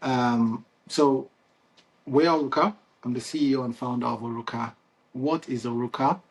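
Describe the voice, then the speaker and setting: Over poor audio, the founder speaks at normal speed in a husky, mid-range voice with a Nigerian accent. He runs his company Q&A conversationally and off the cuff, restarting sentences, using many fillers, and laughing lightly a lot.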